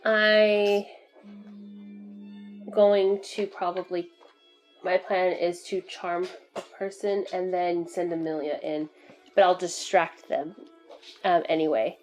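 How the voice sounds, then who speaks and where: Female tabletop player, slightly low voice, casual chat, faint music behind. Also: fairly even intonation, takes it slowly, pauses often, a little mellow.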